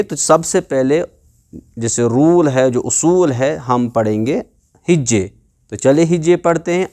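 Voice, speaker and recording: A man teaching Quran reading, slowly spelling out letters one by one and explaining how each sound is pronounced. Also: mid-range voice, darkish tone. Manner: drawn-out letter-by-letter drilling, explains pronunciation rules. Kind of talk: slow spelled-out recitation lesson.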